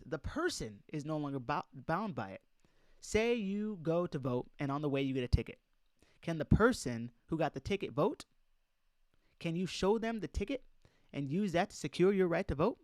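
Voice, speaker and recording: In a dry recording, a man with a higher, somewhat mellow voice reads a document out loud and adds his own remarks. His delivery is informal and lecture-like, forceful, and full of direct questions to the audience.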